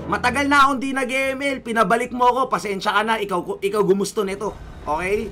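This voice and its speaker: A young man streaming a game and trash-talking an opponent, taunting and bursting into shouted insults. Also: high-pitched, steady tone, quick pace, a little hiss or hum. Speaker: gaming streamer. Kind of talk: mocking trash talk over game voice chat.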